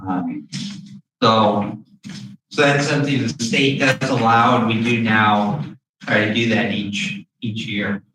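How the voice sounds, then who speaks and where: A man speaking through a face mask, explaining things haltingly as an official at a public meeting, with pauses and throat clearing. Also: on the low side, steady tone, fairly bright tone. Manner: hesitant, with long pauses and frequent throat clearing. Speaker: school district official presenting to a board. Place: indoor meeting room. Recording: very echoey room, distant mic, faint noise.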